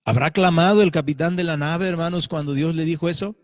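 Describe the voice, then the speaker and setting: A male pastor preaching a sermon, animated, acting out voices and questioning the congregation. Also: a little high, brisk. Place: church sanctuary. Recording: church hall reverb.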